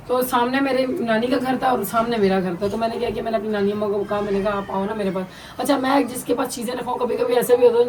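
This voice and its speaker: Fast-talking woman vlogger, distant and noisy. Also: on the high side. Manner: chatty, emotional, fillers like "है ना". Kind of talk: casual storytelling to viewers. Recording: distant mic with background noise.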